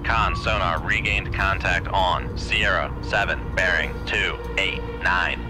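A terse submarine sonar man played by a male actor in a naval game. He gives clipped, procedural reports in a low voice, under very loud game music. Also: steady tone, slow. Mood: matter-of-fact.

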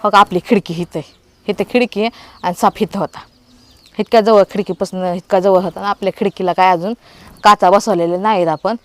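A woman's voice: medium pitch, fairly quick. A woman, telling a story to her vlog viewers and acting out the dialogue. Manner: animated retelling with quoted dialogue. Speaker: vlogger.

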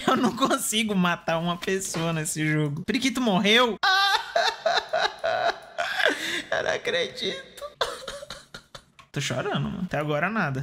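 A man's voice: on the high side, fairly bright tone. A young Brazilian man talking through his gameplay, chatty, swearing freely and laughing at himself. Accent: Brazilian Portuguese. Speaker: gaming streamer. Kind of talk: casual gameplay commentary.

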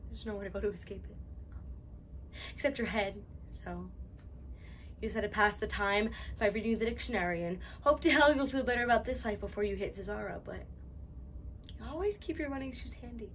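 A young woman playing a shaken, sorrowful teenage survivor in a dramatic monologue, halting and conversational. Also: medium pitch, a bit bright, slight background noise, natural voice. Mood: sorrowful, resigned. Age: young adult. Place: indoors before a backdrop.

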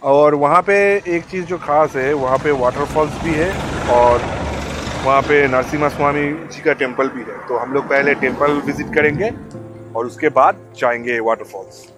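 A man's voice: mid-range voice, fairly even intonation, normal speed. A young man records himself on a rocky outdoor trail with an action camera held out at arm's length. He talks casually to his viewers while he hikes. Faint music plays underneath. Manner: chatty, talking to camera while hiking. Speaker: travel vlogger. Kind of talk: casual travel vlog.

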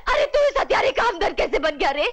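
A woman's voice: very high voice, very animated, fast, a bit bright, heavily acted. An actress playing a fiery young woman who speaks in an emotional, accusing way. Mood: furious. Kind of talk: Hindi film acting.

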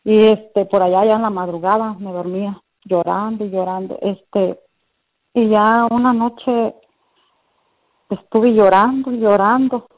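A middle-aged woman, speaking as a guest, shares her personal religious testimony earnestly, repeating phrases and using many fillers. Her mid-range voice is a little slow with fairly even intonation. The recording sounds dull and lo-fi.

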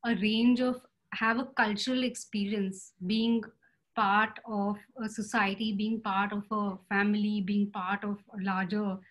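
A woman in her thirties talks over a laptop webcam from a room at home. She speaks in a halting, searching way, circling back and restarting her sentences as she thinks. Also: medium pitch, level tone, fairly bright tone. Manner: hesitant, many fillers and restarts. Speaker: panelist artist. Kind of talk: casual video call discussion. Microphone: laptop webcam video call.

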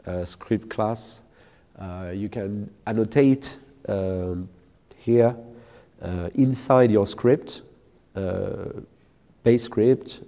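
A man giving a technical keynote talk at a conference, speaking haltingly with many fillers and restarts. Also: on the low side, warm tone. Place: large lecture hall with audience. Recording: echoey large hall.

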